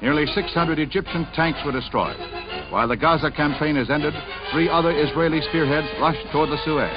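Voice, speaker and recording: A man narrates an old newsreel in a brisk, dramatic announcer's delivery. His voice sits a little high for a man and comes through muffled and lo-fi. Loud music plays underneath him the whole time. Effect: old newsreel recording. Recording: dull lo-fi newsreel sound with music behind.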